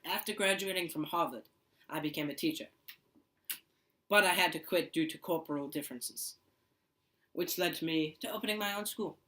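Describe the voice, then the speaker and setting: A man's voice: fairly high pitch, normal speed, pauses often, pushed and bright, rough recording. A young man playing a proud male nonconformist writer in an amateur school skit, reciting prepared lines plainly. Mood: steady. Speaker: interview guest in a school skit.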